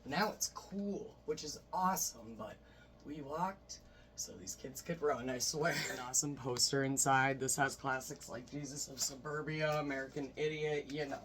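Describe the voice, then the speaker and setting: A man's voice: medium pitch, normal speed, fairly bright tone. Man, casual collector vlogger, enthusiastic rambler, sits back from the mic with a light hiss in the room. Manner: rambling, enthusiastic, many fillers. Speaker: vlogger showing a vinyl record collection. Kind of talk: casual chat. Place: bedroom. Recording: voice a bit distant from the mic, faint noise.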